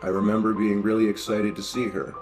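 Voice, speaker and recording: Man, very low voice, scary story reading, steady delivery, soft music underneath. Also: fairly quick, rough recording. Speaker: story reader. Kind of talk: scripted horror story narration.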